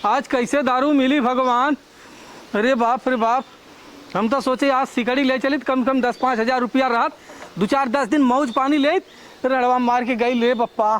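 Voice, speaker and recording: A man's voice: very high-pitched, fairly even intonation, normal speed, a bit bright. A man acting a wheedling, hard-drinking village husband, a whining town drunk with an Awadhi accent in a comedy skit. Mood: whining, pleading.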